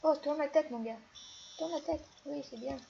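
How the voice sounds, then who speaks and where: A woman's voice: high voice, moderate pace, gravelly. A teenage girl from France giving playful, chatty let's play commentary, talking to herself and the other players. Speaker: gaming video creator. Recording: dull lo-fi mic with steady noise.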